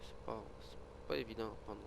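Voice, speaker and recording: Here a man with a lowish, fry-tinged voice keeps his intonation fairly even at a moderate pace. He's a gaming video creator with a cold, sniffling as he rambles casually over a farming game with many fillers and restarts, and background noise runs underneath.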